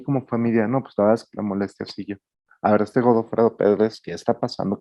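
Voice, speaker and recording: A man giving a webinar talk on emotional intelligence, animated and slipping into mock dialogues. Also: on the low side, dry recording, highs cut off.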